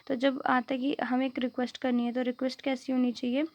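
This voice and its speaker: A woman teaching a grammar lesson in Hindi mixed with English, with frequent fillers, who reads out the English phrases slowly and carefully. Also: high-pitched, level tone, darkish tone, no room sound.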